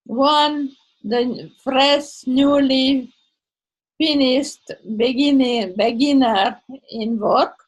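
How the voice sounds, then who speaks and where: On a low-quality recording, an older woman from Transylvania, Hungary, whose first language is Hungarian, speaks English on a casual video call. Her delivery is slow, halting and high-pitched, with word-searching and non-native grammar; she's a Toastmasters member and blogger.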